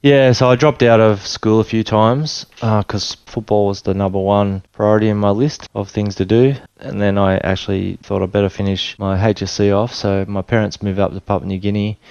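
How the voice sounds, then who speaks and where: A lowish, resonant Australian man in his forties talks through his own story in an easy, meandering way. He often stops and restarts his sentences, and his tone barely rises or falls. The sound is slightly dull, like a remote line from home. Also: normal speed, hardly any pauses, clean tone, no room sound. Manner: relaxed and rambling, with frequent restarts. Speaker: guest. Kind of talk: casual storytelling interview.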